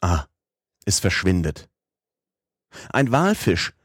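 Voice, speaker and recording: A man voicing an excitable older professor in an audiobook, exclaiming eagerly. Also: low voice, slow pace, breathy edge, no room sound, clean studio sound, heavily acted. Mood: excited. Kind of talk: audiobook character voice.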